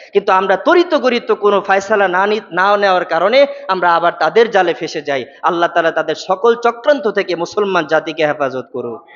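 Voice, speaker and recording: A man's voice: sits high, fairly bright tone. A man preaching a Friday sermon to a mosque congregation, speaking with passion, rising to emphatic peaks and throwing rhetorical questions at his listeners. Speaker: mufti preacher. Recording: echoey hall, dull lo-fi sound.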